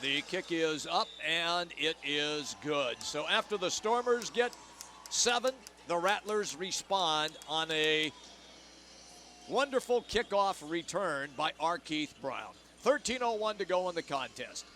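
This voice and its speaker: A man calls the action for a radio football broadcast with a bright, forward voice pitched a little high. His delivery is brisk and descriptive, tracking each play as it happens. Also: expressive, a little hiss or hum. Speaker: play-by-play announcer. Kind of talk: radio sports commentary.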